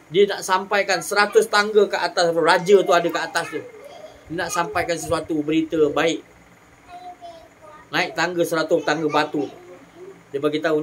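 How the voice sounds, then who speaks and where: A religious teacher preaches in a lively, expressive way, swinging up in pitch to stress a point and dropping low for quieter asides. The pitch sits in the middle range, with faint background hiss. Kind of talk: sermon.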